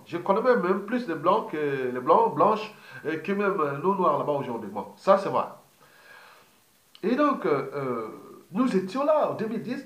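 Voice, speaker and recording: A man's voice: a little high, a bit bright. A man in his fifties from Congo, a political activist giving a digressive monologue, full of fillers, restarts and repeated words. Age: 50s. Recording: roomy echo.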